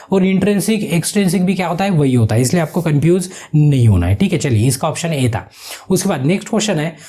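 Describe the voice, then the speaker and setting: A man with a high, mellow voice walks students through quiz answers. He keeps asking questions back to the viewer before giving each answer, in a patient, explanatory teaching manner. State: sweating from heat. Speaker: online exam-prep teacher.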